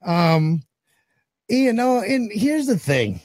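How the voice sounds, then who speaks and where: A man in his forties co-hosts a casual talk show, joking and cursing bluntly while his voice, still recovering from being lost, cracks now and then. His voice is high and a little mellow, with big pitch swings and a slow pace. There's no room sound.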